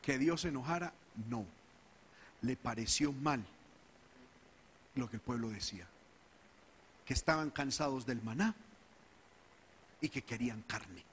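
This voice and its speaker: A man's voice: medium pitch, measured pace, pauses often, fairly bright tone, long reverb tail, slight background noise. A man preaching a sermon as a pastor, his delivery climbing in fervor as he acts out the people's complaints. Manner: preaching with rising fervor, acting out the people's whining.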